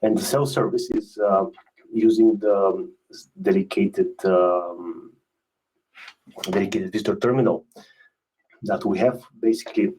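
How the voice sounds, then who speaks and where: Over a low-quality recording, a specialist gives a webinar product presentation in a halting, hesitant way, frequently repeating himself. His voice is lowish, darkish in tone and slightly rough.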